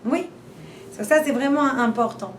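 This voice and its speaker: In the room where she teaches, a woman gives an informal class, chatty and full of rhetorical questions, repeating and restarting as she goes. She has a high voice and an unhurried pace. The recording sounds roomy and distant, with faint background noise.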